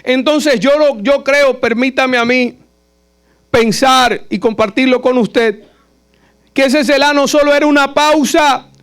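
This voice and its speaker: A man's voice: very high-pitched, fairly even intonation, measured pace, fairly bright tone, clear, resonant tone. A man preaching at a Bible study, earnest and emphatic, repeating phrases to drive each point home. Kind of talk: sermon.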